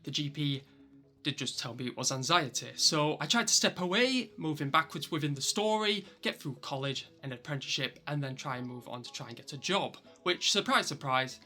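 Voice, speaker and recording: A man's voice: a little high, sharp tone. A man in his thirties with a broad Yorkshire accent narrates a personal vlog to viewers, with wry, self-deprecating asides. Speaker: YouTube vlogger.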